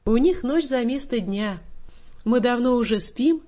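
A woman's voice: a little high, lively intonation, unhurried, mellow. Woman voicing a doting tipsy peasant mother. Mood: tender. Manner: folksy, full of pet names.

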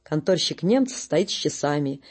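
A narrator reads a literary story aloud in an unhurried, storytelling way. The delivery is a plain, steady audiobook reading. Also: medium pitch.

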